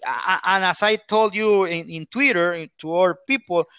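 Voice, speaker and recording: A man from Ecuador, a football pundit in an interview, halting as he searches for English words. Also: high voice, pushed and bright, smooth, dry recording.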